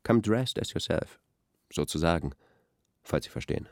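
An actor with a low-pitched, animated voice, speaking at normal speed, plays an earnest, pompous male intellectual in a radio play. As an expert guest in a staged radio interview, he analyses like an academic. The studio-quality recording has no room sound.

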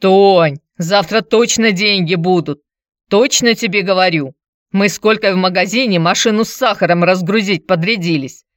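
A woman's voice: medium pitch, moderate pace, no echo, studio quality, natural voice. A woman doing a grumbling drunk laborer. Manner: grumbling, wheedling, pushy. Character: grumbling hard-drinking man, broke laborer.

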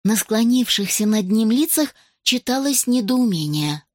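Female storybook narrator, animated reading, dry studio feel. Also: fairly high pitch, unhurried, no room sound. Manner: lively, expressive reading.

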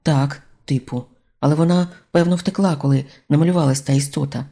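A reader voicing cornered male robbers in an audiobook, whining and pleading in raised, loud voices. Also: medium pitch, steady tone, fairly quick, close to an everyday voice. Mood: indignant.

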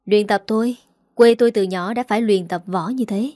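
A woman's voice: medium pitch, normal speed, dark tone, no room sound, clean studio sound, close to an everyday voice. Storybook: woman reading as a curt, tough woman in her fifties, firm. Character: tough fifty-something woman, martial artist.

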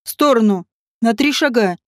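A woman's voice: on the high side, lively intonation, normal speed, no room sound, clean studio sound, lightly acted. A woman voicing a stern man who takes charge and gives curt orders. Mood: commanding. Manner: curt, commanding.

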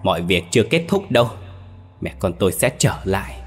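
A man's voice: low-pitched, sing-song, brisk, faint music behind. A man voicing a young woman's vengeful ghost who speaks coldly and accusingly. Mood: threatening. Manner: cold, accusing. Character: vengeful young female ghost, cold and bitter. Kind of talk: storytelling dialogue.

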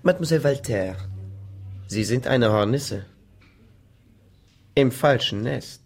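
In a radio crime drama, an actor gives a full character voice to a gruff, sardonic, threatening provincial police lieutenant who questions people curtly. The male voice is medium-pitched, animated and a little mellow, delivered at a slow pace.

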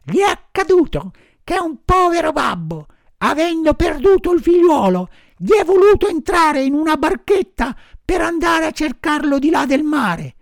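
A man voicing a tiny frail old village woman in a shrill, very high, anxious telling, in a dry recording. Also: big pitch swings, normal speed, vocal fry, dry recording, full character voice. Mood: alarmed. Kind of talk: audiobook character voice.

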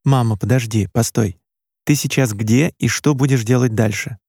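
A man's voice: medium pitch, normal speed, a little mellow, slightly rough, no room sound, studio quality. A man voicing an anxious eighteen-year-old son firing off urgent questions.

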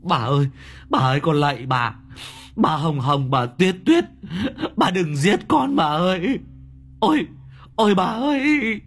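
A cowardly young man shrieking and babbling his pleas in a high, cracking voice, as a man acts him out. The voice is husky, with wide swings of pitch, in an audio storybook. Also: very animated, unhurried, a bit bright, heavily acted. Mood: terrified shrieking. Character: panicked young man, red-haired, cowardly.

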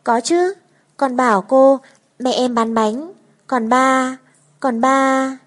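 A woman doing chattering little schoolkids. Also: slow. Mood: eager. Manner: high, childlike and eager. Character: young twin children, boy and girl, chattering eagerly.

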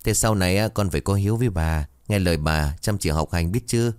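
A man's voice: low voice, fast, darkish tone, clear, resonant tone, dry recording, clean studio sound, lightly acted. A man voicing a kind elderly grandmother who speaks in a motherly, caring way. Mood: tender.

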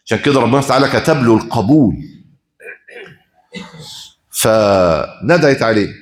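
A man's voice: medium pitch, expressive, normal speed. A man preaching a Friday sermon with an Egyptian accent, telling stories with passion and firing rhetorical questions at his listeners. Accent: Egyptian Arabic. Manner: impassioned storytelling, rhetorical questions. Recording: roomy echo.

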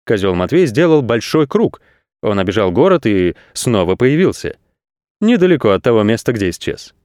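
A man narrating a children's audiobook with expressive, animated storytelling. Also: lowish voice, moderate pace, dry recording, clean studio sound.

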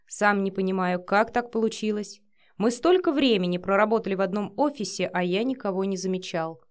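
A gruff, blunt man who is quick to anger and barks his words, read by a woman narrating an audiobook. His delivery stays short and rough. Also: mid-range voice, natural voice. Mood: weary.

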